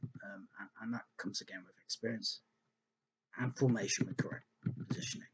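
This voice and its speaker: Husky-voiced man rambling through football analysis. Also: lowish voice, steady tone, fairly quick. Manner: rambling, thinking aloud with many ums and restarts. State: hiccuping and burping. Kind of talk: casual spoken analysis over slides.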